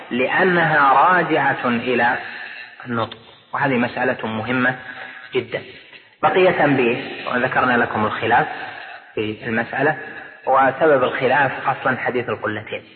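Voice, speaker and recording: A man teaching as a sheikh, explaining a classical text step by step, repeating key terms and checking that his students follow. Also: mid-range voice. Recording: echoey lecture hall, tinny lo-fi audio, audience present.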